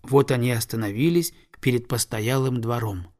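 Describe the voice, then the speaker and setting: A man reading a storybook aloud with calm, measured narration. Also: mid-range voice. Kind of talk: audiobook narration.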